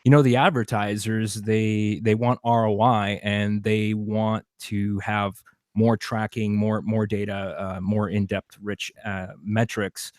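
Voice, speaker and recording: A man on a podcast panel, giving a measured, thoughtful take in casual chat. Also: lowish voice, flat delivery, a little mellow, no echo, clean studio sound.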